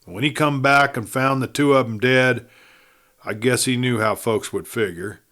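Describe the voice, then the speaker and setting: A man performs a lightly acted audiobook character: a Western outlaw near death, gasping out a confession. He speaks at normal speed with a fairly bright tone, using a low, breathy cowboy drawl that is rustic, sneering, desperate, and full of urgent pleading.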